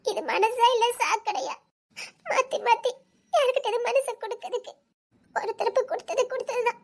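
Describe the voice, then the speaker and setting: Woman doing a lovesick tearful girl, tirunelveli accent, super high squeaky voice, pleading and giggling nervously. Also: moderate pace. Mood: pleading, hurt. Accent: Tirunelveli Tamil. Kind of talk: romantic short-drama acting.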